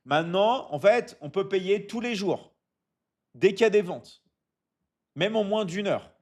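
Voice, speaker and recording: A man's voice: high voice, lively intonation, unhurried, darkish tone. A man hosting a casual live stream, answering viewer comments and coaching with lots of "d'accord?" and restarts. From Michigan. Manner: repeats "d'accord?" often, stumbles and restarts, coaching tone.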